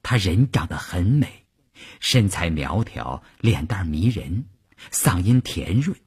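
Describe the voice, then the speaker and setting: A man reading an audiobook with animated storytelling. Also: low-pitched, takes it slowly, slightly rough. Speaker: narrator. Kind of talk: audiobook narration.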